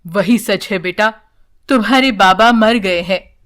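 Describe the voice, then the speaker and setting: A woman voicing a calm, kindly elderly grandfather in a storybook tale, speaking low and softly. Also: a little slow, lightly acted. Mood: gentle, sad.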